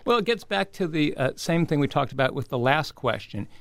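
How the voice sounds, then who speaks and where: A man giving measured, articulate explanations as a scientist guest in an interview. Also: fairly high pitch, lively intonation, creaky, fairly bright tone, no echo.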